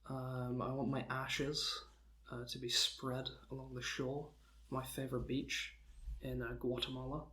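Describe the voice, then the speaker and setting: A young man co-hosting a podcast, joking deadpan in a rambling, casual way with plenty of filler words. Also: mid-range voice, measured pace, hardly any pauses. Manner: rambling, deadpan jokes, frequent "um" and laughter. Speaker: podcast co-host. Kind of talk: casual comedic chat.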